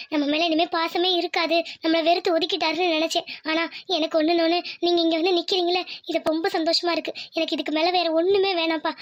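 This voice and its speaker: Young cartoon bride, very high, tearful and pleading. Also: female voice. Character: young village bride, emotional daughter. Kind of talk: cartoon voice acting.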